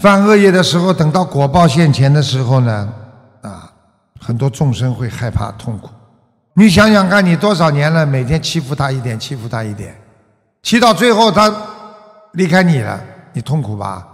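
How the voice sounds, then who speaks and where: A man preaching a Buddhist sermon as a master, full of rhetorical questions and drawn-out "ah" particles. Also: on the high side, sing-song, long reverb tail.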